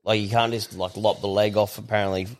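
A man's voice: on the low side, little pitch movement, quick pace. An Australian man in casual banter, talking like a tradesman in a blunt, crude and slangy way.

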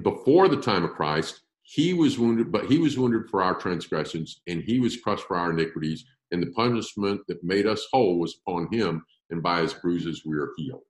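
A man with a lowish voice lectures on scripture, his pitch swinging widely as he stresses points. He slows deliberately over important words. The sound is roomy and echoey. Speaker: Bible teacher. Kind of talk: classroom-style Bible lecture.

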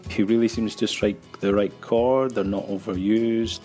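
A man recording a relaxed, wry message as a listener of the show. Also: fairly low pitch, a little slow, faint music behind. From Scotland. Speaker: listener contributor.

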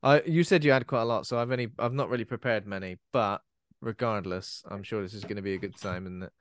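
A man's voice: fairly low pitch, quick pace, no echo. A man, co-hosting a podcast in casual, giggly chat. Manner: giggly, playful, trailing off. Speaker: podcast co-host.

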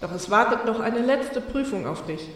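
A woman voicing a wise, solemn female sea serpent spirit who speaks in a measured, ceremonious way. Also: on the high side, animated, very echoey, big-room sound, far from the mic, natural voice.

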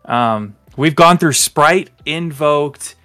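A man's voice: on the high side, slow pace, sharp tone, no echo, studio quality. A young man hosting a podcast in a casual chat, reading out silly names and laughing through them. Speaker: podcast host.

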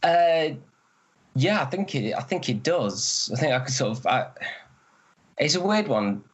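A man's voice: on the high side, sing-song, unhurried, muffled recording. A man who is an actor, talking in a casual interview and telling stories with lots of restarts. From northern England. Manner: chatty, rambling with restarts. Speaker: actor, guest.

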